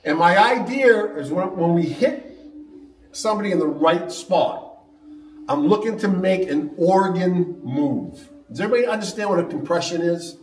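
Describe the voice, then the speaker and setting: A man's voice: high voice, expressive, moderate pace, recorded from a distance, slight background noise. A man teaching a martial arts seminar, upbeat and jokey, checking in with the class with "all right?" after nearly every point. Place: large training hall. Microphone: camera mic from a distance. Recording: echoey hall recorded from afar.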